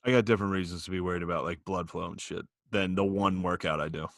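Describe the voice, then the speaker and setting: A man's voice: low-pitched, fairly even intonation, fast talker, dry recording. A man co-hosting a podcast in casual chat, telling rambling, profane stories and laughing often. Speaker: podcast co-host.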